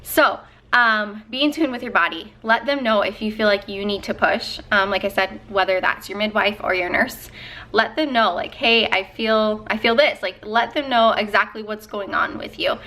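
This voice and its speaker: A woman's voice: mid-range voice, normal speed, pushed and bright. A young woman vlogger talking casually and earnestly as she gives advice, with lots of ums and likes. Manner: earnest, chatty, many fillers.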